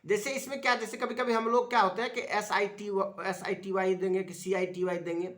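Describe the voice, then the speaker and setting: A man's voice: high-pitched, flat delivery, fairly quick, a bit bright. Patient man coaching a child's spelling. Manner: patient, coaxing, repeats prompts. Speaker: teacher. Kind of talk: home spelling lesson with a child.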